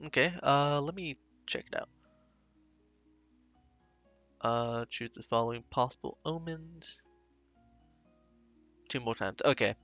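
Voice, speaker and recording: A laid-back man narrates as game master, his bright, forward voice pausing often as he works things out. He sits close to the mic, and the sound comes through dry, slightly dull and lo-fi, like voice-chat audio. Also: medium pitch, dry recording, faint music behind. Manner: laid-back, halting with many pauses.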